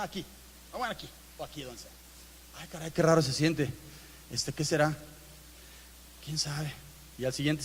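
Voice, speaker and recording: Mexican pastor guy chatting through a sermon, voice kinda high, long church echo. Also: slight background noise. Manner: conversational, asks the congregation questions, acts out inner dialogue. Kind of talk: interactive sermon. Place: church auditorium. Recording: long church hall reverb.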